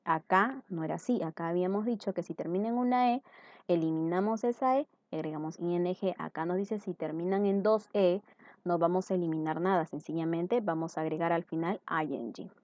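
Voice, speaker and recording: A woman's voice: fairly low pitch, fairly quick, a little mellow, dry recording. A woman English teacher giving a recorded grammar lesson, patient and repetitive, often checking that her students follow. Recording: dull, dry lo-fi recording.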